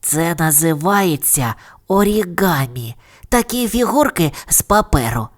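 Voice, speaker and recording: A woman voicing a patient, crafty young female panda in a children's audio fairy tale, explaining gently. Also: fairly low pitch, expressive, measured pace, pitched above the performer's own voice. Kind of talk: storybook character voice.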